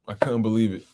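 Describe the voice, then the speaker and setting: Fairly low-pitched and darkish in tone, this male host runs a casual sports call-in livestream. He repeats himself, exclaims often and keeps saying hello to viewers in the chat, his slightly rough throat leaving a little scratch in his voice.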